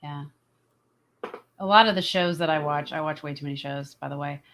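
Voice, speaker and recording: A woman's voice: deep voice, fairly quick, a bit bright, a little hiss or hum. A woman hosting a show, chatting casually over a video call and giving frequent short affirmations. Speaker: show host. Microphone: video call microphone.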